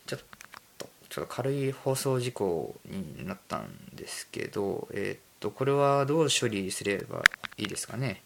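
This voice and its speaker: A man's voice: on the low side, big pitch swings, normal speed, gravelly, noisy background. A young man hosting a solo podcast, rambling casually and mocking himself. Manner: rambling, self-mocking, drifts between topics. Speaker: podcast host.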